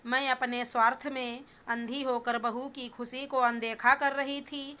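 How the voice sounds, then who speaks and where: A woman's voice: sits high, flat delivery, a little slow, pushed and bright, smooth. A woman voicing a bossy middle-aged mother-in-law in a storybook reading, talking in a stern, lecturing way. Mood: pleading.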